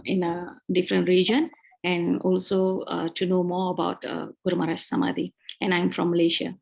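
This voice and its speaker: A woman's voice: on the low side, gravelly, low-quality recording. A woman introducing herself in a video meeting, humble and hesitant. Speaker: meeting participant. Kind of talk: self-introduction on a video call. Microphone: video call.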